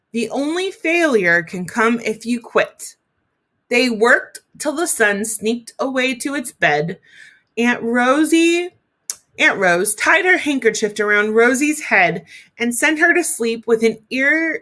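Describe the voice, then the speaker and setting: Pitched fairly high, with a pushed, bright quality, a female teacher performs a story for kids. She breaks off now and then to explain things and address the young listeners herself.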